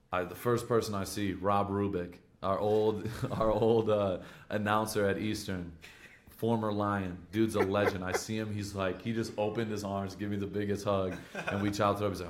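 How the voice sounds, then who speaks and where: A deep-voiced man from Michigan talks casually on his own podcast in slangy, profane frat-bro style, with a slight hiss or hum in the background. He's an American pro football player.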